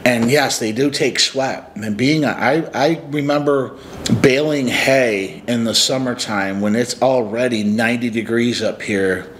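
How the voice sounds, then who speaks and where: A man in his forties from upstate New York, a life coach who hosts his own channel, speaks earnestly and reflectively to a close-up camera from a couch in a small room. His mid-range voice is a bit bright and a little slow, offering casual motivational talk over a faint hiss or hum.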